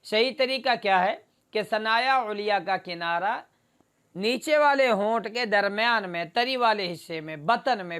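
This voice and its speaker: Smooth-voiced woman teaching Quran recitation. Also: medium pitch. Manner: demonstrates letter sounds, drawn out and repeated; steady instructional explanation. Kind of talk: recorded recitation lesson.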